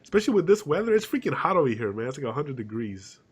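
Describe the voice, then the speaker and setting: A man's voice: a little high, very animated, racing. Congested man chatting on a podcast. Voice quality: throat kinda hurts, slightly hoarse. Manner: rambling, many restarts and fillers, laughs often. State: congested with a cold. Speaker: podcast co-host. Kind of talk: casual chat.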